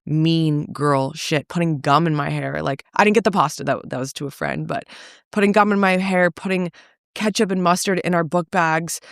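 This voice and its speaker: A woman from Salem, Massachusetts, a reality show cast member, speaks frankly as a guest in a candid podcast interview. Her low voice has vocal fry and a normal pace, and her run-on sentences brim with fillers and mild swearing. The audio is studio quality with no echo.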